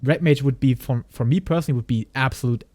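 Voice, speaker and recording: A man's voice: medium pitch, quick pace, darkish tone, no echo, clean studio sound. A man streaming a reaction video, talking hesitantly with frequent restarts and laughs. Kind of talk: live stream reaction commentary.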